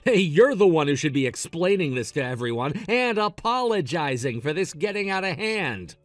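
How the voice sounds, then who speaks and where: A man's voice: fairly high pitch, very animated, moderate pace, no room sound, faint music behind. A man voicing a blaming, dismissive young groom in a text-message story, talking in a scolding, impatient way. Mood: angry.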